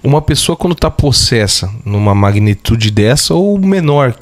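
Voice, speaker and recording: A podcast host asking a guest questions in a middle-pitched male voice. He builds each question slowly, hedging and pausing with fillers and restarts as he goes. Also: very animated. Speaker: podcast interviewer.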